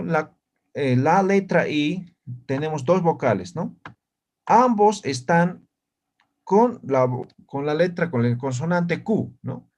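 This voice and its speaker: A man teaching an online language lesson, explaining step by step and often checking understanding with short tag questions. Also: a little high.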